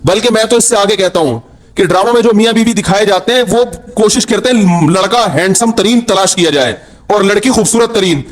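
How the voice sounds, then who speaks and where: Male preacher, high-pitched, scolding sermon delivery. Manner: scolding, rhetorical questions to the audience. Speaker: Islamic preacher.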